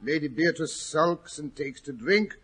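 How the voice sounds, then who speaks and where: An actor playing an earnest, easily huffy British gentleman doctor in 1940s radio drama style. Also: fairly high pitch, a little slow, breathy edge, faint music behind. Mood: eager. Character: earnest, blustery English gentleman doctor sidekick.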